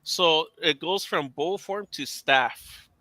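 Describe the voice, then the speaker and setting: Bright-voiced man running the game. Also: a little high, takes it slowly, no room sound. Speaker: game master. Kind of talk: narrating and playing a shopkeeper in a tabletop game.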